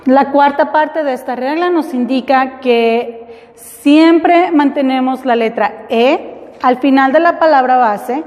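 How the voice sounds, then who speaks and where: A woman teaching an English class, slowly and patiently, spelling words out letter by letter. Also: high-pitched, darkish tone, big-room sound, lo-fi sound. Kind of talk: classroom lesson.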